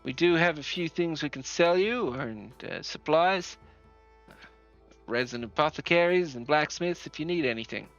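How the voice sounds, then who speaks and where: A hospitable Southern woman who leads a frontier settlement, as a man puts her on, speaking in a bright, forward voice. She is friendly but halting, full of "uh" and "um", over a dry, slightly dull recording with faint music behind. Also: a little high, lively intonation. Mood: welcoming. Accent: Southern US, put on. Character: hospitable female settlement leader.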